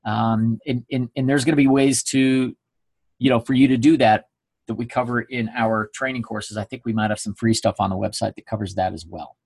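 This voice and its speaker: A man's voice: mid-range voice, steady tone, brisk, creaky, a little mellow, husky. A man giving a recorded sales training presentation, emphatic and coaching, checking in often with his listeners. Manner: emphatic, coaching, frequent "okay?" check-ins.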